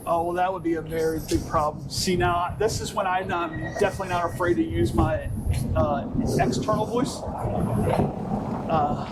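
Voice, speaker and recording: A man's voice: fairly high pitch, steady tone, normal speed, loud music behind the voice. A man in his forties hosting a podcast, rambling through casual chat with crude jokes. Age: 40s. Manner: joking, rambling, crude banter. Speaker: podcast host. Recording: loud background noise.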